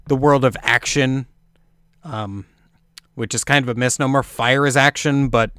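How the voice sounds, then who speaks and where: Young male teacher, casual and rambling, smooth clear voice, dry close sound. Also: medium pitch, a bit bright, dry recording. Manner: rambling, informal, swears casually, stresses points by repetition. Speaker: amateur occult teacher. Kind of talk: casual explanatory lecture.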